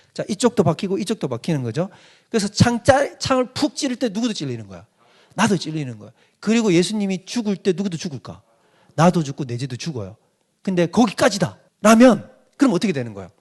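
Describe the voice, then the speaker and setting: Middle-aged guy pastor lecturing, high voice that jumps all over, talks quick and punchy. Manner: asks the audience questions and answers them himself; emphatic, mimics people with sudden loud outbursts. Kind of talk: animated doctrinal lecture.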